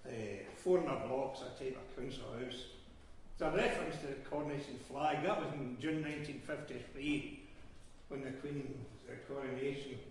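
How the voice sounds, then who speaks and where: A man's voice: mid-range voice, moderate pace, a little hiss or hum. A Scottish man from Glasgow, a poet, talking through a live reading in a rambling, hesitant way full of ems and ehs. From Glasgow, Scotland. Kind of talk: live poetry reading with digressions. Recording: echoey hall, voice from far off.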